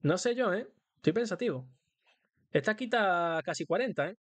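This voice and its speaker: A man's voice: high voice, lively intonation, moderate pace, no echo. A man with a Spain Spanish accent giving playful, singsong, crude live commentary as a streamer while he plays a game.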